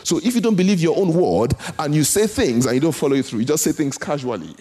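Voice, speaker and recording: A man preaching a sermon, emphatic, repeating his phrases and dropping from loud bursts to hushed lines. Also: a little high, lively intonation, fast talker.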